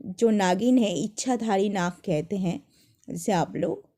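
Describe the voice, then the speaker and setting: A young woman telling personal stories to viewers in a casual, animated way, often restarting her sentences. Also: mid-range voice, unhurried. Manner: animated, dramatic retelling with many restarts. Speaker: storyteller.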